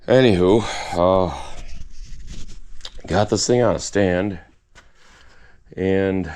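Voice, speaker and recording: Deep voiced garage guy, sick and tired, voice going hoarse, slow with lots of uhs. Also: darkish tone. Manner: slow, halting, trailing off with many fillers. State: tired and losing his voice from coughing. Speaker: home mechanic and channel host. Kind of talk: casual workshop vlog narration. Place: home garage.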